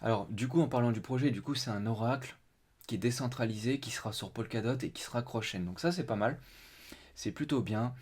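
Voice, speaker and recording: A man's voice: mid-range voice, fairly quick, darkish tone, breathy edge. A man hosting a casual live stream, thinking aloud as he goes through a web page, with many fillers and restarts. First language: French.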